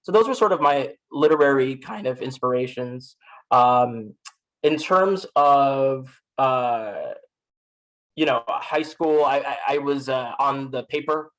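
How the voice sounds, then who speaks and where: A man from Miami, United States, with an American accent, appears as a podcast guest, talking in a casual, reflective, self-deprecating interview style. His medium-pitched voice is slow and a bit bright, captured on a rough recording.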